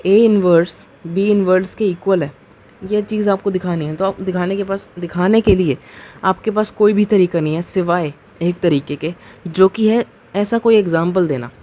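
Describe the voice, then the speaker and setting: This maths teacher's voice is high and warm as he explains a proof on the board. He takes it step by step, slows down on key terms, and keeps checking students follow, often with rhetorical questions.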